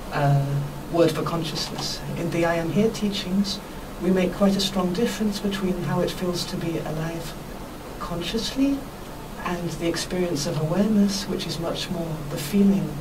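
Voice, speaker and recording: A woman being interviewed on radio as a workshop teacher, explaining spiritual ideas in an earnest, reflective, measured way. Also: lowish voice. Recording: noisy, distant microphone.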